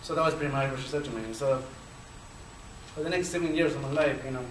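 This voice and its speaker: This Chilean panelist speaks rapidly in a mid-range voice, relating his personal story with a stutter and frequent fillers in a Chilean Spanish accent. He was recorded from a distance in an echoey lecture hall, where faint noise can be heard.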